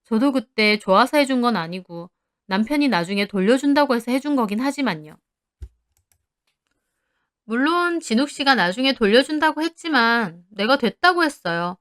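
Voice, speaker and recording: A woman's voice: on the high side, lively intonation, normal speed, fairly bright tone, dry recording, clean studio sound. A woman narrating her own story of a family quarrel in an indignant, heated manner.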